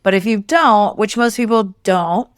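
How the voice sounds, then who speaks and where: A woman co-hosting a podcast, calmly explaining protein and calorie math step by step. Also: medium pitch, unhurried, clean tone, dry recording, clean studio sound. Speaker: podcast co-host, nutrition expert. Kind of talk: casual explanatory chat.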